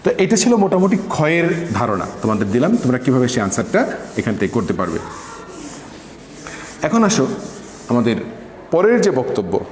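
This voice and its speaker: A man's voice: mid-range voice, very animated, normal speed, long pauses, darkish tone. Echoey man teaching a physics lesson. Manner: asks questions and answers them himself, repeats key points; mixes English words into Bengali. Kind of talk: classroom lesson explaining an assignment. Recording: echoey room with long reverb, faint background noise.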